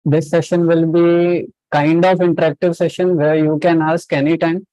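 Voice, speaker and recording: A man's voice: on the high side, little pitch movement, normal speed, dark tone, smooth, dry recording, poor audio. A man presenting an interactive webinar as host and trainer, often repeating short confirmations and checking in with listeners over an online call. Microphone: online video call.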